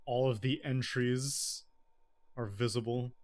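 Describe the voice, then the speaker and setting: A man's voice: mid-range voice, fairly even intonation, takes it slowly, a little hiss or hum. A man giving casual, slangy game commentary in a blunt, wry manner. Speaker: gamer commenting on his playthrough. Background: game music.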